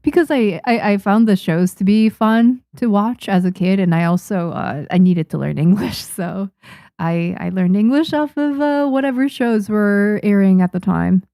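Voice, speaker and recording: A young Japanese woman, a native speaker who works as a manga artist, chats casually on a livestream while reading viewer comments, often restarting and laughing softly. Her mid-range voice is creaky and dark-toned at a moderate pace, and the studio recording is clean, with no room sound.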